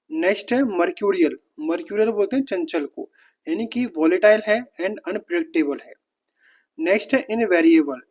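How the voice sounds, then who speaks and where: A man teaching an exam vocabulary lesson in steady, word-by-word drills with a Hindi accent, slowing down to spell out English synonyms. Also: high voice, slightly rough, low-quality recording.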